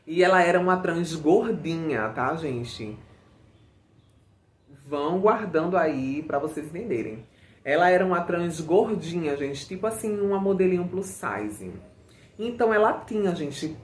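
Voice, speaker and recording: A woman's voice: fairly low pitch, a little slow. Chatty woman telling a story in a roomy echo. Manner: chatty, expressive, addresses viewers often, slangy. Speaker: vlogger. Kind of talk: casual storytelling to viewers.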